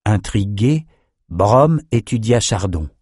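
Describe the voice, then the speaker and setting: A man reading a fantasy novel aloud as narrator, in a steady, measured way. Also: fairly low pitch, husky, no room sound, clean studio sound. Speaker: audiobook narrator.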